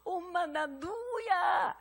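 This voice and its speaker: A woman's voice: high voice, moderate pace, voice pushed up, lightly acted. A woman voicing a small, timid tiger cub who whines to its mother in a storybook-style sermon tale. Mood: tearful. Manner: whiny, plaintive, tearful pleading.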